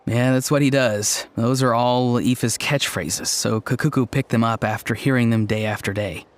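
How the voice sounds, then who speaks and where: An actor voices an earnest, easygoing young tribesman in a video game, explaining things plainly in an amused mood. His medium-pitched voice is fairly even, at normal speed, close to an everyday voice.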